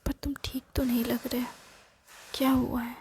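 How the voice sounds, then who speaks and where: A woman's voice: on the high side, flat delivery, normal speed, a little mellow, a little hiss or hum, lightly acted. A woman voicing a caring young woman who questions her partner with concern, in a whispered role-play.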